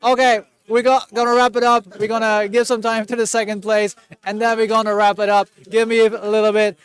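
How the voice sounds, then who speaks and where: Very high-voiced man yelling excitedly. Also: brisk, clear, resonant tone. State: losing his voice. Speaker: event host announcing prizes. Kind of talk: live-streamed award announcement.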